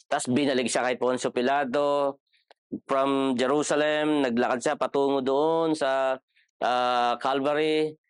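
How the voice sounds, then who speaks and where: A man's voice: medium pitch, fairly even intonation, unhurried, smooth, no echo, studio quality. A man with a Filipino accent teaching a Bible class in a casual, chatty way, questioning his listeners and joking. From Philippines. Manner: chatty, asks the class questions, jokes, code-switches. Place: church classroom.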